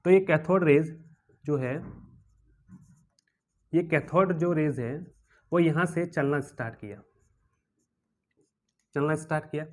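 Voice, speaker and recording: Speaking slowly and pausing often, a man with a fairly high voice and an Indian accent lectures on physics in a classroom. He repeats key words as questions to students and animatedly acts out objects as characters in playful tales.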